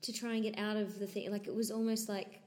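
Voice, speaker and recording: A Scottish woman from the northeast of Scotland chats about life as a musical theatre performer, giggling often and leaning on "to be honest." Her voice sits at a middling pitch. A long hall reverb trails behind her words. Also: level tone, fast, a little mellow. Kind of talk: casual interview chat.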